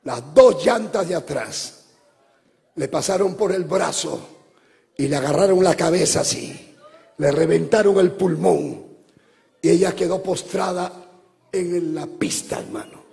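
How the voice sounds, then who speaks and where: A male pastor preaching a sermon, telling stories with passion and breaking into shouts. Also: high voice, measured pace, vocal fry, long pauses. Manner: impassioned storytelling preacher, bursts into shouts. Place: church, live service. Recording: long hall reverb from live church.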